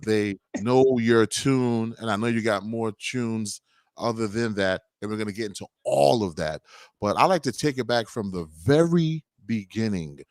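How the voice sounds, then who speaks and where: A man's voice: on the low side, normal speed, darkish tone, no echo, studio quality. A man hosting a radio interview, talking in an enthusiastic, hyped-up way. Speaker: radio host.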